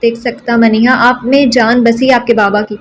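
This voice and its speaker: A woman voicing a tender, doting middle-aged father who speaks softly and soothingly in an audio novel. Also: on the high side, little pitch movement, a little hiss or hum, close to an everyday voice.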